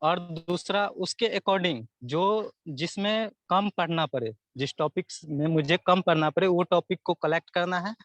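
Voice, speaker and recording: In a casual interview, a young man appears as a student guest and offers earnest advice, often repeating himself as he runs through a list of topics. His voice sits high and a bit bright, and he speaks unhurriedly with hardly any pauses. The recording is dry.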